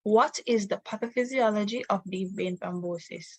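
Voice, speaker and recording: A woman's voice: mid-range voice, normal speed, a little mellow, rough recording. Young woman hosting a student quiz. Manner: formal, reads questions aloud. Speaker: quiz host.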